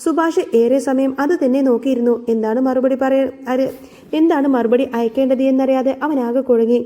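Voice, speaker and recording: A woman's voice: high voice, brisk, warm tone. A woman retelling a TV serial episode as a story, reading every character's lines in her own voice. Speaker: narrator.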